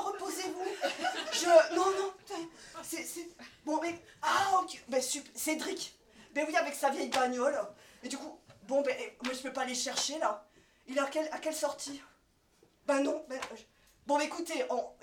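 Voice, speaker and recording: High-pitched woman comic, rambling stop-start delivery, heard from a distance in a roomy space. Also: slight background noise. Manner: rambling, stammering and restarting, breaking into laughs. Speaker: comic performer. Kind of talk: improvised comedy monologue and one-sided phone sketch. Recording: roomy and off-mic.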